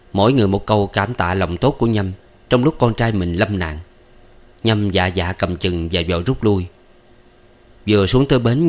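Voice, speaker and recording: A man narrating a story in a calm, steady audiobook reading. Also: on the low side.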